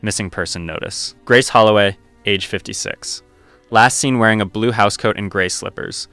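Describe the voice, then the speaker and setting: A man voicing a calm male radio announcer reading an official bulletin. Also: on the low side, normal speed, clean tone, no echo, soft background music.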